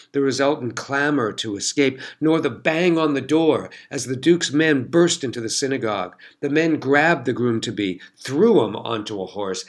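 Man narrating a story. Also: medium pitch.

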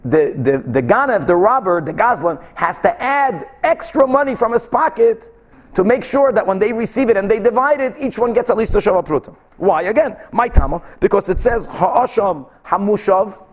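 A man's voice: high voice, animated, normal speed. A man teaching a religious text, reading and explaining aloud, asking and answering his own questions and repeating phrases for emphasis. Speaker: Talmud teacher.

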